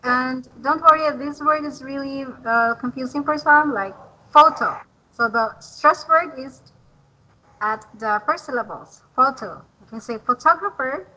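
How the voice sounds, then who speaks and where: A woman's voice: fairly high pitch, unhurried, bright, forceful tone, dull audio. A woman tutoring English pronunciation, patient and encouraging, laughing often. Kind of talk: online one-on-one pronunciation lesson.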